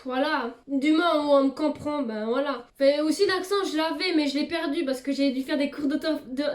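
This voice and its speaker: A young woman chatting casually to camera as a vlogger, full of exclamations and fillers. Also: high voice. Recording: echoey room.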